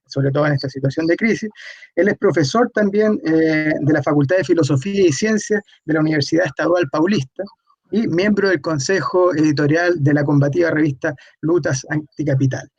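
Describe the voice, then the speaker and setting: A man hosting an interview program, introducing and questioning formally and deliberately, on dull lo-fi audio. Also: fairly high pitch, husky, no echo.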